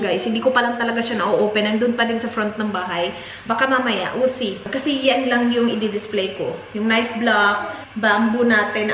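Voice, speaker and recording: A woman, a mother, casually vlogging from her home kitchen, chatting to viewers with lively exclamations. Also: a little high. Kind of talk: casual home vlog, mixing Tagalog and English. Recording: echoey room, faint background hum.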